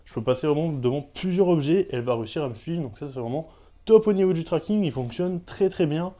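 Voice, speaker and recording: A man's voice: fairly high pitch, lively intonation, quick pace, warm tone. A man presenting a product review vlog in a chatty way, with frequent fillers. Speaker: tech reviewer.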